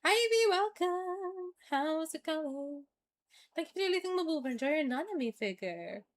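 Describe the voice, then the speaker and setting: A twenty-something woman chats casually and animatedly with viewers while streaming gameplay, reading game text aloud and swearing at times. Her very high voice is expressive, at normal speed.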